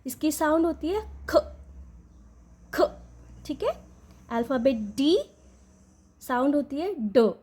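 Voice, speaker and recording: Woman, high-pitched, patient phonics teacher, repeats sounds slowly, keeps checking in. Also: expressive, mellow. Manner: patient, checks in with "ठीक है?" after each point; repeats and draws out each letter sound slowly. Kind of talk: instructional explainer.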